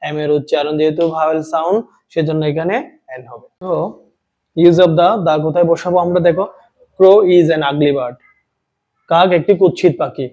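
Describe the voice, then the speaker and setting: A man's voice: on the high side, fairly even intonation, dark tone, muffled recording. Man teaching English grammar. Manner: drills students with questions and answers, reads example sentences slowly. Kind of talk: classroom grammar lesson.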